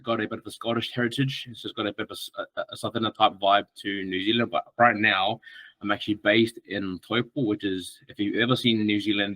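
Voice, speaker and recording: Bright-voiced relaxed man from Samoa. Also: lowish voice, no echo, rough recording. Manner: friendly, relaxed, many fillers and restarts. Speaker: guest, strength coach. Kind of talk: casual podcast interview.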